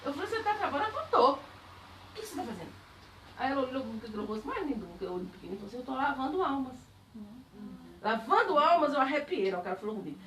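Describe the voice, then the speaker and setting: A woman gives a spiritual testimony to a group, her fairly high voice rising and falling with lively feeling. She tells it as animated storytelling, laughing as she recalls. The sound is roomy and distant, with faint ambience behind her. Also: rapid-fire, a little hiss or hum. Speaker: spiritist speaker. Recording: echoey room, distant mic.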